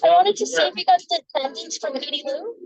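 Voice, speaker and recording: A woman's voice: very high voice, fast, dry recording. A woman student speaking apologetically in an online class while riding on a crowded bus. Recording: muffled online call from a bus.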